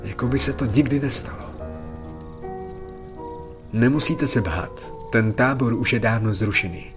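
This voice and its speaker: Man narrating a horror story over faint music. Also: medium pitch.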